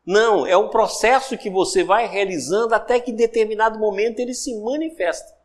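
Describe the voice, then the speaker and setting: High-voiced Brazilian man teaching. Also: brisk, in a large hall. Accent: Brazilian Portuguese. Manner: animated, acts out everyday examples in quoted voices; conversational, repeats phrases for emphasis. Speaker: lecturer on spiritual self-development. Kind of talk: recorded course lecture.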